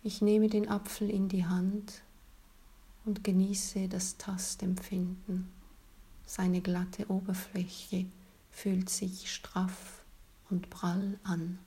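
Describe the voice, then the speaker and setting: Very breathy, whispery woman guiding relaxation slowly. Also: mid-range voice, flat delivery. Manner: soft, soothing, whispery spa-like delivery. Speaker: guided relaxation instructor. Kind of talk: guided meditation, slow scripted narration.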